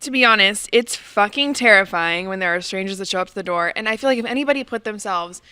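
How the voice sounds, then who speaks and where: A woman's voice: mid-range voice, expressive, fast, sharp tone, clean tone, no echo. Indignant woman on a podcast. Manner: earnest, indignant, swearing. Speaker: podcast guest. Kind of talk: casual podcast chat.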